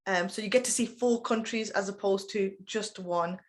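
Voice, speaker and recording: A woman's voice: medium pitch, normal speed. A woman leading an online training session, explaining things in a chatty way and checking in with the listeners. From United Kingdom. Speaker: intercultural trainer.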